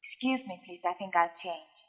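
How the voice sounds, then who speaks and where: A woman's voice: lowish voice, normal speed, breathy edge. An actress playing a polite young woman who speaks formally, in 1950s film style.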